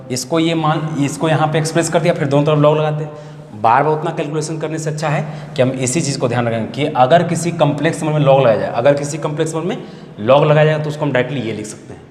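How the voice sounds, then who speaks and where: Speaking fairly quickly in a slightly high voice, this Bihari Hindi-accented math teacher goes over the same points again and again. He asks his class questions and then supplies the answers, his lecture echoing through the hall over a faint hiss.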